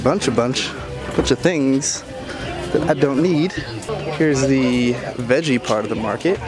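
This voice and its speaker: A young man chatting casually to camera as he tours an island, talking straight to his viewers. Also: a little high. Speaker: travel vlogger. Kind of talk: casual travel vlog to camera. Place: outdoors on a tropical island. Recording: outdoor camera audio with background music and crowd.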